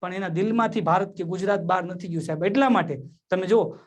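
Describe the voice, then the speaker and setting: Very high-voiced comic. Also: male voice, fast. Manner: animated storyteller, keeps addressing the audience as "sir". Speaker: comedian. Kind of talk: stand-up jokes and patriotic address. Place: remote link into a virtual event.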